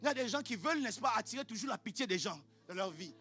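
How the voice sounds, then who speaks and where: Male pastor, native Lingala speaker, high and bright, impassioned church sermon that climbs into shouting. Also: animated, quick pace, faint music behind.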